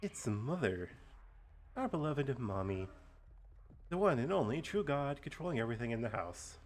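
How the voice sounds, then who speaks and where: A man plays a theatrical game villain who savours every taunt with slow, gleeful menace. The pitch swoops widely from line to line, mocking and grand, as the puppeteer toys with a victim. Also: sing-song, lightly acted. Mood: grandiose, mocking. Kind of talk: character voicing in a game read-along.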